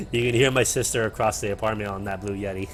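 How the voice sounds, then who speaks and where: A man's voice: lowish voice, steady tone, a little fast, a bit bright. A man hosting a gaming livestream from his apartment, chatting casually and rambling with fillers and the odd swear word, his cheap mic close to his mouth. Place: home apartment.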